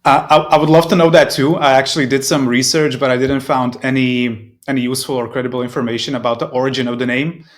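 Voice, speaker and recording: A Serbian man in his thirties, representing a proptech company, gives conversational answers as an interview guest. He talks fast with few pauses, in a medium-pitched, steady voice.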